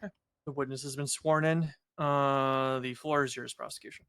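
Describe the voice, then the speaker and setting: A man's voice: medium pitch, fairly even intonation, normal speed, a bit bright, smooth, dry recording, clean studio sound. A man role-playing a presiding judge, moving proceedings along in polite, informal procedural talk. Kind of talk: improvised courtroom role-play.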